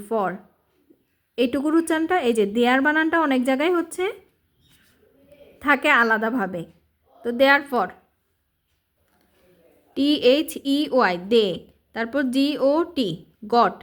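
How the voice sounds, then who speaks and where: High-voiced woman spelling out words. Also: fairly bright tone. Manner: spells letter by letter, asks and answers herself. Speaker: English reading tutor. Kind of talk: spelling and sounding out words for a lesson.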